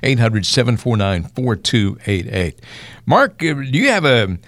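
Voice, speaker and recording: A man co-hosts a radio show in a friendly announcer manner, reading out the call-in number and asking the host prompting questions. His voice sits at a middle pitch, and the studio sound is dry and close. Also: big pitch swings, unhurried, fairly bright tone, dry recording. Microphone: studio mic.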